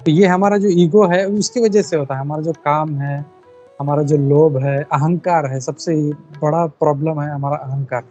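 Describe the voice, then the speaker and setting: A man's voice: on the high side, fairly even intonation, normal speed, a little mellow, highs cut off, soft background music. A man leading a devotional scripture class in Hindi sprinkled with English, explaining earnestly and repeating his key points. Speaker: class leader.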